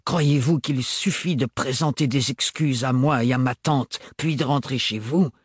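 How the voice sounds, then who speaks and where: Stern unbending man in an audiobook, clipped and hard, husky low voice, as the reader plays him. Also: measured pace, no echo, clean studio sound. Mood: curt, cold. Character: tall stiff man, curt and cold.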